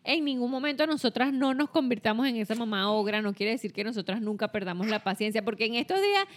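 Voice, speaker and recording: A woman's voice: on the high side, animated, fast. A woman in her thirties co-hosting a casual podcast, reflective and giving advice in long explanations. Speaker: podcast co-host. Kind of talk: casual chat.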